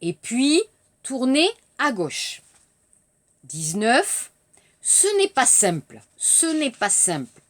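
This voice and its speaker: A woman teaching a French lesson, repeating each phrase slowly and clearly for learners and correcting their mistakes. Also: a little high, big pitch swings. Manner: corrective, instructive. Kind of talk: language lesson with pronunciation drills.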